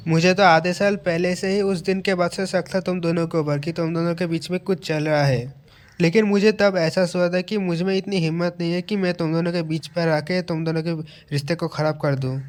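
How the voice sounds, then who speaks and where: A man voicing a hurt young woman confessing her feelings, read plainly in his own higher-pitched voice. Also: lightly acted.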